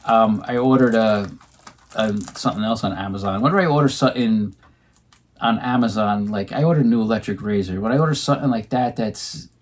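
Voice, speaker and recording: Speaking fairly quickly in a voice on the low side, this co-host sits at home showing the records he purchased. It's a casual, rambling chat full of ums and false starts.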